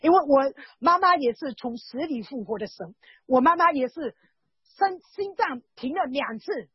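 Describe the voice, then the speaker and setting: A woman's voice: high-pitched, animated, normal speed, no echo, highs cut off. A woman giving an earnest, emotional religious testimony at church, repeating herself often.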